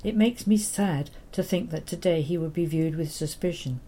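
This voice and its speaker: An older English woman reads her memoir in a deep voice at normal speed. Her storytelling is gentle and wry.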